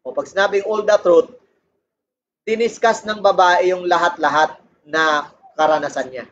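High-voiced Filipino-English preaching man. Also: moderate pace, dull audio, a little hiss or hum. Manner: animated Taglish preaching, frequent "Amen?" and "di ba?". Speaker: pastor. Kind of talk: sermon. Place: church service.

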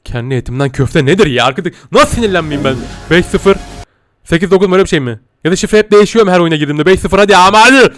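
A man giving casual gameplay commentary and talking straight to his viewers, swinging between muttering and yelling. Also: on the high side, animated, very fast, soft background music. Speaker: gaming video host.

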